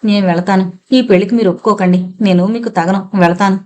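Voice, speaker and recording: A woman voicing an ashamed, tearful young woman who speaks haltingly in an audiobook novel. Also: mid-range voice, fairly even intonation, a little mellow, natural voice. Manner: halting, subdued.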